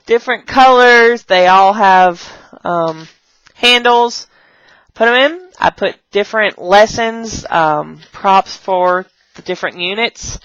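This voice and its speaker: A woman's voice: mid-range voice, slow, fairly bright tone, smooth, dry recording. A young woman who teaches English online chats in a bubbly, rambling way, recorded on a dull camera mic at home. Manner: bubbly and rambling, jumps into playful kid voices. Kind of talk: casual vlog chat showing props. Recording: dull, dry camera audio.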